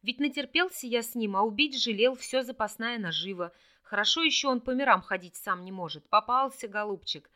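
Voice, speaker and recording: Woman voicing an old trickster villain for an audiobook; gloating and mocking, bright tone. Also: on the high side, a little fast, few pauses. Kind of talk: audiobook character voice.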